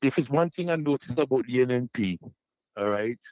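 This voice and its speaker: A man's voice: mid-range voice, lively intonation, brisk, darkish tone, no echo. A male caller to a radio show, talking bluntly in clipped bursts over a cell signal that keeps cutting in and out. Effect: choppy cell signal that cuts in and out. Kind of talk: call-in radio comment. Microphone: phone call. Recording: dull dry phone line.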